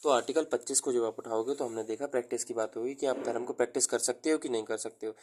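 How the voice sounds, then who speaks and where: Man teaching slowly, flat mellow voice. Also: mid-range voice, slight background noise. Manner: explains slowly, repeats key terms while writing them down; mixes Hindi with English terms. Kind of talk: exam-prep lecture.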